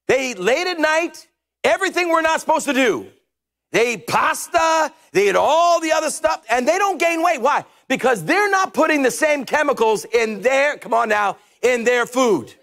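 A middle-aged pastor preaches from a church stage through a headset mic, keeping his sermon funny and lively and sometimes shouting his points. His voice is very high-pitched with vocal fry.

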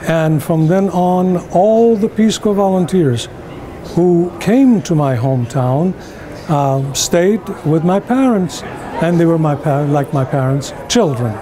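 An older Iranian man, a native Persian speaker with an Iranian accent, recounts his life story to the camera at an indoor conference venue. His voice is a little high, animated and slow, with crowd noise around him.

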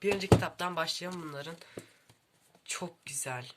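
A woman's voice: fairly low pitch, normal speed. Gushing young woman unboxing books. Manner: gushing, exclaims over every detail. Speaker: book vlogger. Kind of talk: book unboxing vlog. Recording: clear background noise.

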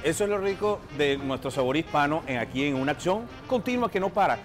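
Playful middle-aged male host over loud music. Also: fairly high pitch, animated, quick pace. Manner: playful, flirtatious, addresses viewers directly. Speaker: travel show host. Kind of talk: lively on-location presenting. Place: outdoor marketplace and open-air bar.

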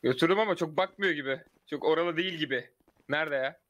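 Bright-voiced man, excitable and pleading. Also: a little high, fast, lo-fi sound. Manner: excitable, pleading, laughing often. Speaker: role-play player. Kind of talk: casual role-play chat.

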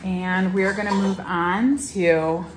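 A woman's voice: medium pitch, fairly even intonation, slow, echoey room, over music. A woman in her thirties hosting a casual product showcase in a shop, talking enthusiastically with lots of fillers. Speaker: shop host presenting items for sale. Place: indoor shop room full of farmhouse decor.

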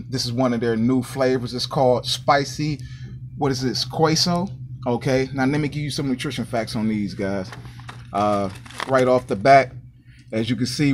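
A man's voice: mid-range voice, slight background noise. An American man hosting a casual food review vlog, upbeat and chatty, often addressing his viewers and dropping catchphrases. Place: small indoor counter by a sink.

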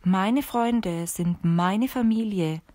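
A woman's voice: medium pitch, takes it slowly, dark tone, no echo, clean studio sound, natural voice. A woman reading the lines of an anxious young male apprentice, pleading and questioning, in an audiobook.

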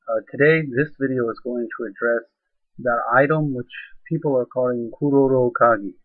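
Man, husky voice, loose rambling lesson-giver, dry phone-like recording. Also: medium pitch, normal speed, dry recording. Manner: rambling, frequent "okay" and fillers, spells out words. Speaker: channel host explaining ninja history. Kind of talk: casual explanatory lesson. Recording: dry, phone-like narrow sound.

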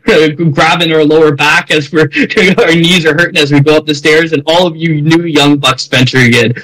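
A man's voice: fairly high pitch, a bit bright, low-quality recording. A man, a crypto project founder, talking in a friendly, self-deprecating way in a casual online audio chat.

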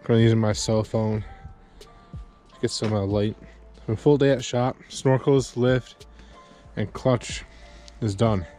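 A man's voice: on the low side, steady tone, a little slow, long pauses, mellow, soft background music. A man in his thirties from Newfoundland, hosting a casual shop vlog with laid-back, joking banter in a small garage workshop. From Newfoundland, Canada. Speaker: vlog host.

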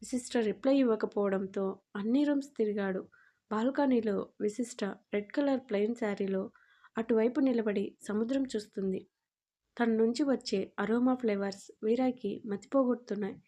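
A woman narrating a romantic audio story at a steady, even pace. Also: a little high, normal speed.

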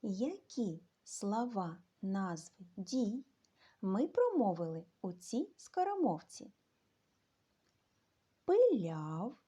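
Woman teacher for a kids' reading lesson: unhurried, sing-song delivery, mellow and a touch breathy. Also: medium pitch. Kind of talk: children's literacy lesson.

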